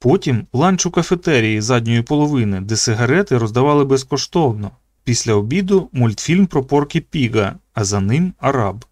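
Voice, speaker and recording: A man reading an audiobook as its narrator, in an even, measured way. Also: mid-range voice, no room sound, clean studio sound. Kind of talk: scripted narration.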